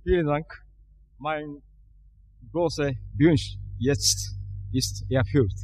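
A middle-aged man from Japan with a Japanese accent addresses a congregation in slow, halting German-learner phrasing. His voice sits a little high and comes very slowly. A long hall reverb hangs on every phrase, over a faint hum. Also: darkish tone. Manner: slow, hesitant, searching for words with many fillers. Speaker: guest speaker at a church service. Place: church hall.

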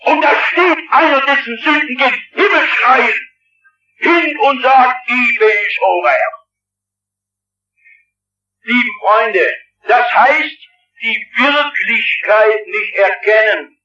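Older guy preaching hard, bright high voice, slow and crying out, echoey old muffled hall tape. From partly Swabian. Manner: impassioned preaching, often crying out. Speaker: pastor. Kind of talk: sermon. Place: large hall with audience. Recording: old roomy, muffled, distant hall recording.

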